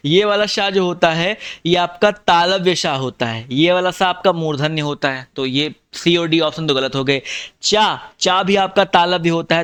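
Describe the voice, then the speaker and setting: A male teacher with an eastern Uttar Pradesh or Bihar Hindi accent talks through exam questions, repeating each point and calling his students brother. His voice is smooth and resonant and sits a little high for a man. The sound is close and dry, with no room echo. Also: a bit bright. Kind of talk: exam-prep lesson.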